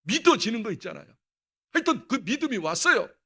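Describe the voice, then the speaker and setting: Brief: male pastor, high voice, animated laughing testimony sermon in a church. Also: a little fast, slightly rough. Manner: animated storytelling with frequent laughter. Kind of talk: testimony sermon at a dawn prayer service. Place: church sanctuary.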